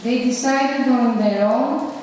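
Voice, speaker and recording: Slow woman, distant hall. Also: on the high side, darkish tone, slight background noise. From Greece. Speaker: conference speaker. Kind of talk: panel statement. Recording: echoey hall from far off.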